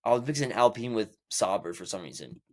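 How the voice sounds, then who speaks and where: Fast-talking, excitable man in casual chat. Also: on the low side. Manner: excitable, repeats phrases, slangy. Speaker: podcast co-host.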